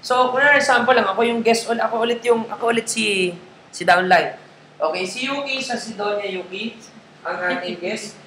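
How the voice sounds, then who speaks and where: A man's voice: very high voice, a little fast, pushed and bright. A man coaching a group in a live training session, talking casually in Tagalog mixed with English and checking in with listeners often. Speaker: network marketing trainer. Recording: roomy echo, faint background noise.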